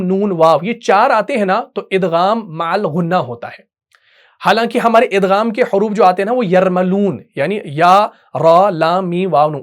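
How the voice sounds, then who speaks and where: Patient man teaching Quran recitation. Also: sits high. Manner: explains patiently, checks in with "theek", chants verses slowly. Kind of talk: tajweed lesson.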